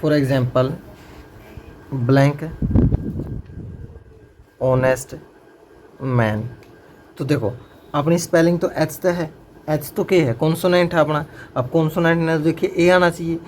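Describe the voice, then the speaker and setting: A man's voice: fairly high pitch, normal speed. A male teacher, teaching a grammar lesson to a class and drilling his students with repeated questions. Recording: faint background noise.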